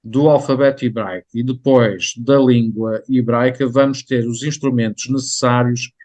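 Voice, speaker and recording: A man with a European Portuguese accent, a guest scholar in an interview, speaking hesitantly and filling pauses with drawn-out fillers. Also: medium pitch, steady tone, darkish tone, no echo. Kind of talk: interview conversation.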